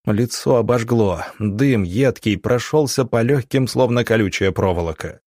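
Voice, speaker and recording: A man narrating an audiobook in a measured, dramatic reading. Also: medium pitch, darkish tone, no echo, studio quality.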